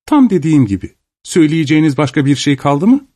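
A man's voice: on the high side, big pitch swings, fast, mellow, dry recording, studio quality, voice pushed up. A man putting on a curt haughty lady. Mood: dismissive. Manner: curt, dismissive.

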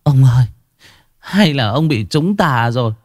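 A man's voice: expressive, a little slow, darkish tone, dry recording, clean studio sound, lightly acted. A man voicing a frightened older village wife who pleads and wails. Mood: pleading, fearful. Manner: high, pleading, wailing.

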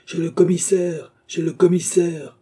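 Man shouting as an angry Paris mob. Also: fairly high pitch, fairly even intonation, measured pace, slightly rough, voice pushed up. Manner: shouting, chanting.

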